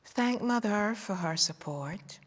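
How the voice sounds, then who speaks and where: Slow, soothing woman guiding meditation. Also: mid-range voice, lively intonation. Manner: slow, soothing, drifting into whispers. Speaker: qigong instructor. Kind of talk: guided meditation. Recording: long hall reverb.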